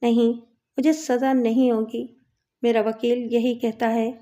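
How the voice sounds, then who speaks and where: A brash woman inmate who brags and sneers, read by a woman storyteller. The voice sits a little high with a warm, mellow tone. She talks with a mocking swagger. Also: flat delivery, close to an everyday voice. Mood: boastful. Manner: boastful, mocking.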